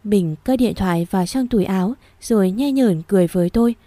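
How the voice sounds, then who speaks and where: A woman narrating a first-person story as an audiobook reader, in an even, steady way. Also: mid-range voice, fast talker, no room sound.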